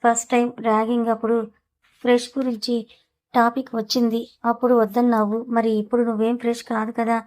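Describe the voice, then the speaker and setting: A man's voice: very high-pitched, level tone, quick pace, darkish tone. A woman reading a storybook voices a young male college bully who teases in a mocking, leering way.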